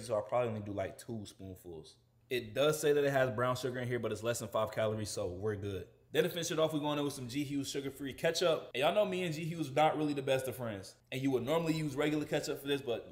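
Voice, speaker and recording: A young man talking casually to camera in a slangy, laid-back way while cooking in a large home kitchen. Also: medium pitch. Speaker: fitness vlogger. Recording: echoey kitchen room.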